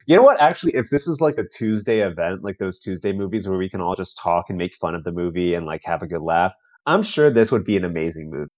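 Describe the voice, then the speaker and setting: A man's voice: low-pitched, fast, hardly any pauses, no room sound, dull audio. A man in casual chat, reacting playfully and joking with laughter.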